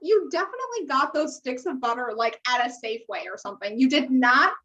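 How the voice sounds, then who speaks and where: An American woman co-hosts a podcast recapping a reality TV show, talking casually and candidly, with strong opinions and casual swearing. Her voice is high-pitched, a bit bright and fairly quick, with lively intonation. The microphone sounds muffled and distant.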